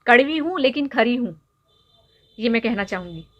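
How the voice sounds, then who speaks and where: Woman, young adult, vlogger, lecturing rant, scolding, somewhat high-pitched. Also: animated, moderate pace, dull audio. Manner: scolding, lecturing, repeats "theek hai?" to press points. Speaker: YouTube vlogger. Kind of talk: direct-to-camera opinion rant.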